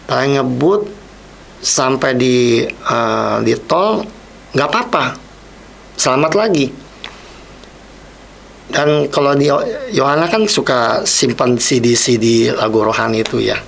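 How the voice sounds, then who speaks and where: A man's voice: medium pitch, slow, vocal fry, pauses often, fairly bright tone, a little hiss or hum. A man telling his personal testimony as a podcast guest, reflective and replaying his own past words.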